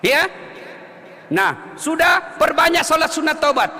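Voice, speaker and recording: A man from Sulawesi preaching a humorous sermon, joking, shouting and chanting at times. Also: extremely high pitch, animated, measured pace. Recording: echoey hall, faint ambience.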